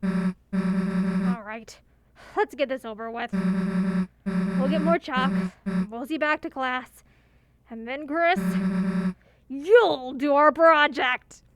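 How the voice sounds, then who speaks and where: A woman's voice: high voice, slow pace, pauses often. A woman voicing a tough, blunt teenage girl bully from a video game, taunting and threatening in a curt way. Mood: bossy, curt. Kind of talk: video game character voice acting.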